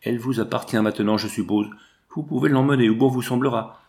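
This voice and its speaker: A man's voice: medium pitch, fairly even intonation, fast talker, darkish tone, natural voice. Man reading as a desperate young hunter. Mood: defiant. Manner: earnest, urgent. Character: jealous young male hunter, pleading.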